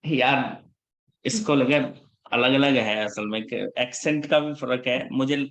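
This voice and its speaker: A man gives a live class in a loose, chatty teaching voice, switching easily between Hindi and English. He checks in with his students every few sentences and scolds them a little about missed classes. His voice sits at an ordinary middle pitch. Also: unhurried, a bit bright, muffled recording. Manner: casual Hinglish teaching, checks in often with the class. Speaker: instructor.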